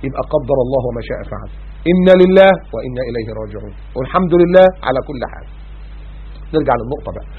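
Rapid-fire Egyptian preacher, husky and high. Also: male voice. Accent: Egyptian Arabic. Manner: animated, rhetorical questions, quotes scripture. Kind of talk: religious talk show sermon. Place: studio. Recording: narrow phone-like band.

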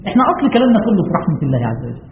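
Animated Egyptian preacher in an echoey hall. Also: male voice, high voice. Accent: Egyptian Arabic. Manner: animated, rising to emphatic peaks, slow chanted recitation. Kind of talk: mosque lesson sermon. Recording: echoey hall, lo-fi phone-like sound.

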